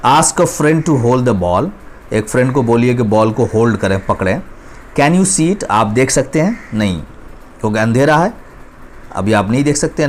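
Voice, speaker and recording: A male teacher reads a class textbook aloud slowly in English, then explains each line in casual Hindi. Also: medium pitch, slight background noise.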